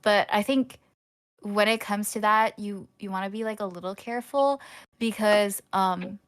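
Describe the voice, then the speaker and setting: A woman's voice: mid-range voice, normal speed, clean tone. Woman breaking down game strategy. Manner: analytical, explains strategy with frequent fillers. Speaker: esports caster. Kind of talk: live tournament commentary.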